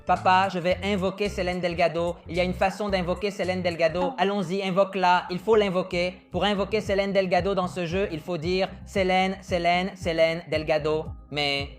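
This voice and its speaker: An excitable man bosses his dad through a horror game, chattering, teasing and giving orders. Faint music runs under his voice. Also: high voice, normal speed, hardly any pauses. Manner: bossy, jokey, directs the game. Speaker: gamer playing with his father. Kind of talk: excited let's play chatter.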